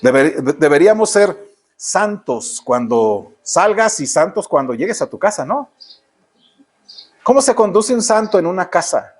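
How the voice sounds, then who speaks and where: A man's voice: high-pitched, sing-song, measured pace. A man with a Mexican Spanish accent preaching a sermon in church, often asking the congregation rhetorical questions. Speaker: pastor.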